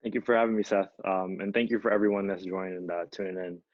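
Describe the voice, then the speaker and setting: Low, flat-voiced man telling stories. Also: quick pace, no room sound, muffled recording. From Ethiopia. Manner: relaxed, many fillers like "you know" and "uh". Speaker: featured artist. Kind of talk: conversational storytelling.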